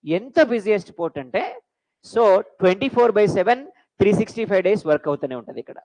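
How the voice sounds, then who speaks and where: Woman, exam-prep teacher, very animated pitch, call-and-response quizzing, English phrases mixed in. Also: fast talker, rough recording. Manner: mixes English phrases into Telugu. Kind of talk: classroom lecture for exam prep.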